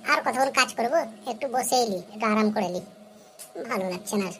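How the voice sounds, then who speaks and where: A tired working husband, played by a performer, grumbles in a comedy skit. His voice sits lower and rougher than the performer's own, and it turns suspicious and threatening toward his wife. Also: quick pace, fairly bright tone, a little hiss or hum, lightly acted. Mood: weary.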